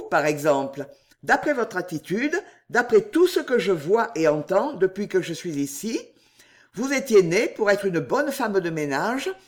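A woman voicing a calm, cunning middle-aged gentleman in an audiobook, speaking in a measured, unruffled way. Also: mid-range voice. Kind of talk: audiobook character reading.

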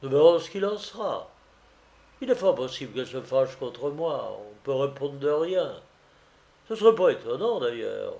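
Un gars qui fait un petit fonctionnaire amoureux, froissé, qui se donne de l'importance. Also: male voice, mid-range voice, very animated, normal speed, creaky, mellow. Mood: resolute. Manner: fretful, huffy, self-important. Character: vain touchy young male clerk in love. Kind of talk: audiobook reading.

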